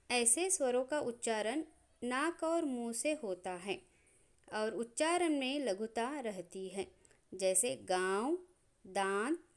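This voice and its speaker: A woman giving a grammar lesson, explaining calmly and listing sounds one at a time in a measured way. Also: a little high. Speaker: grammar teacher.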